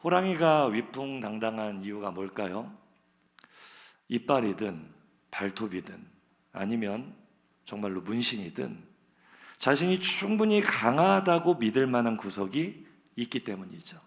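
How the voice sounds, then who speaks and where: Male pastor preaching, gravelly voice, chatty storytelling, mid pitch. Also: big pitch swings, measured pace. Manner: storytelling, earnest, conversational. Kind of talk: sermon with a humorous story opener. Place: church sanctuary.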